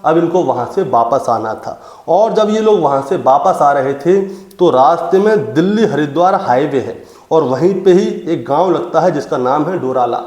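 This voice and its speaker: A man's voice: on the high side, darkish tone. Hindi man telling a true crime story. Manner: addresses listeners as friends, dramatic retelling. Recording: roomy echo.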